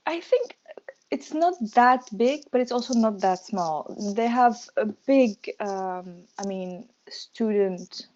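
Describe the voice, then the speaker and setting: A woman's voice: fairly high pitch, expressive, slow, darkish tone, highs cut off. Young woman from Tunisia, laughing often. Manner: laughs often, hesitant with many fillers. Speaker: medical student interviewee. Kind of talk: casual interview chat.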